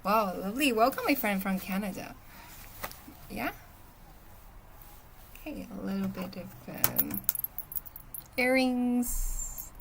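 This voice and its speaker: Speaking slowly with vocal fry and frequent pauses, a young woman from Shanghai, whose first language is Chinese, chats casually with her livestream viewers. Her pitch is medium, and she reads out their comments, answers them, and keeps checking "okay?" over slight background noise.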